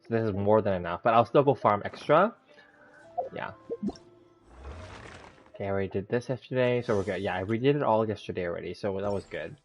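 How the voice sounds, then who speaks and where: Low-voiced man lisping from a bitten tongue. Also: brisk, long pauses. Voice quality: slight lisp from a bitten tongue. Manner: rambling step-by-step self-narration. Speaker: live-streaming game host. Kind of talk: casual gameplay livestream chat. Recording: dull, lo-fi sound, background music. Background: music.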